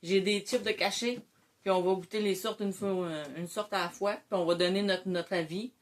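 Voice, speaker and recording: A woman's voice: mid-range voice, steady tone, normal speed. A woman with a Québécois French accent casually hosting a snack tasting, munching chips as she talks. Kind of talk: casual chat, food tasting.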